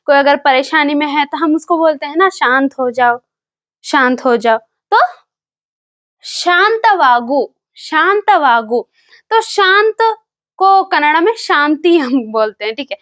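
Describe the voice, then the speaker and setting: A woman teaching phrases in a slow, patient lesson, repeating each one. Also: high voice, dry recording, highs cut off. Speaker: language teacher.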